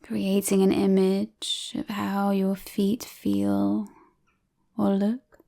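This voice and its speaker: This woman leads a guided relaxation in a mid-range voice touched by vocal fry. Her soft, breathy delivery often drops near a whisper, and she stays calm and soothing with long pauses between phrases.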